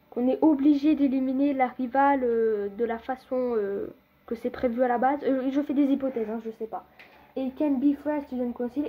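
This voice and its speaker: Young woman chatting over gameplay, high husky voice, lots of euh and restarts, dull lo-fi mic. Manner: chatty, rambling with many fillers and hesitations; talks straight to viewers. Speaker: gaming video creator. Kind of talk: casual gameplay commentary.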